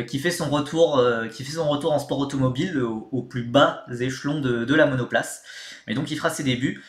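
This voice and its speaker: A man's voice: medium pitch, echoey room. A man chatting casually on a live stream, rambling with lots of fillers and thanking viewers mid-sentence. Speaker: motorsport streamer.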